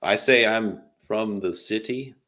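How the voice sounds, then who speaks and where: A man as a podcast guest in casual chat, relaxed and swearing casually. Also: fairly low pitch, unhurried.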